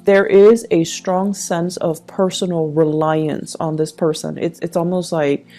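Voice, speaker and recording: A woman with a lowish, mellow voice speaks in a steady, unhurried tone. She hosts a channel and gives a conversational tarot reading, reflecting aloud and advising the listener directly. Music plays in the background.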